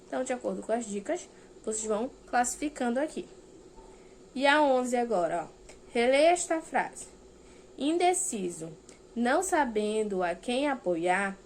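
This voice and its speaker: A woman teaching a primary school class in a recorded lesson, with a Brazilian Portuguese accent. She explains patiently step by step, spells out letters slowly and keeps checking in with the children. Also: on the high side, a bit bright, slight background noise. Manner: reads aloud slowly, spelling out letters and syllables.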